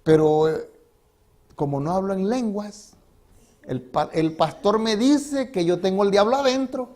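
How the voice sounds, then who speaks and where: Male pastor quoting a distressed elderly woman, about seventy, pleading through tears, voice pitched up. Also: unhurried, dark tone. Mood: troubled. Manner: pleading, tearful retelling.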